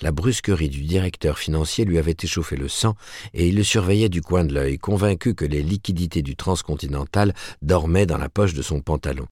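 A man reads a novel aloud in a measured, storytelling way. His voice is very deep. The recording is dry and close, with no room sound. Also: a little mellow, slightly rough, no echo. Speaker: audiobook narrator. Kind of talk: scripted narration.

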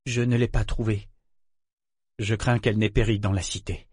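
A man's voice: fairly low pitch, little pitch movement, moderate pace, a little mellow, husky, no room sound, clean studio sound. A man voicing an earnest young man who pleads urgently. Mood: earnest pleading. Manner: urgent, imploring.

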